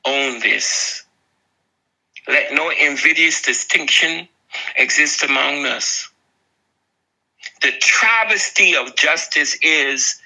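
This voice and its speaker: A man's voice: a little high, bright, forceful tone, low-quality recording. A man with a Barbadian accent delivering an earnest, impassioned moral address, pleading with his listeners. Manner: slow, earnest, preaching with pleading appeals. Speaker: video essayist.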